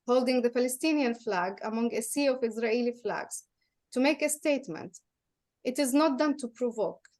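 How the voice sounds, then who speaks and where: A woman peace activist delivering a prepared public speech at a city hall event, earnest and measured. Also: a little high, darkish tone.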